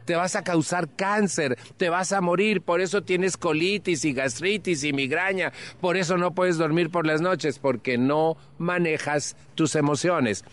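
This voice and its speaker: A man in his seventies with a Mexican accent gives a personal recovery testimony to a support group, earnest and animated, with frank slang. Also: fairly high pitch, measured pace, few pauses. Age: 70s. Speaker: Al-Anon speaker.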